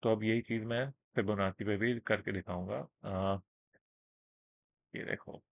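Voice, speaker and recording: A man teaching trading in a casual screen-share lesson, speaking slowly and checking in with his listeners often. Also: lowish voice, steady tone, gravelly, no room sound. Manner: explains with everyday examples, checks in with listeners. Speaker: trading instructor. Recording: narrow phone-like band, dry.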